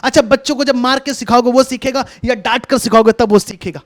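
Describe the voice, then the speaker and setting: A man's voice: extremely high pitch, fairly even intonation, a little fast. A man preaching a sermon over a video call, talking conversationally, coaxing his listeners and repeating his instructions. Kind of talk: online sermon with a hands-on demonstration.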